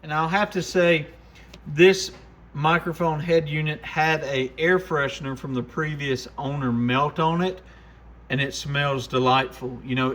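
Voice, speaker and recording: With a medium-pitched, fairly bright voice, this man hosts a casual product demo, tinkering hands-on and thinking aloud informally. He works as a radio shop reviewer and video host.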